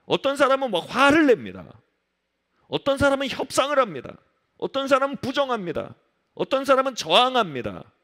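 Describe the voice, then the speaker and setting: A man preaching from the pulpit with a fairly high voice that leaps up and down. He presses his points hard, then sinks low and quiet for emphasis, and now and then slips into the voices of the people he describes. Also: wildly swooping pitch, fairly quick. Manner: emphatic preaching, drops to low soft tones for stress; acts out quoted voices of resisting people. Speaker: pastor. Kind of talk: sermon. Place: church sanctuary.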